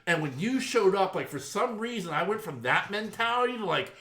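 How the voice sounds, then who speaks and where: Animated, profane middle-aged man telling a story. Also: high-pitched, fairly quick, slight background noise. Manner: profane, animated storyteller who acts out quotes and laughs often. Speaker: podcast co-host. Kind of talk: casual storytelling chat.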